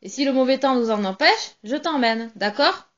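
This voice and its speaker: A woman voicing a hearty, tipsy male sailor who talks loud and jovial. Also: sits high, expressive, moderate pace, muffled recording, voice pushed up.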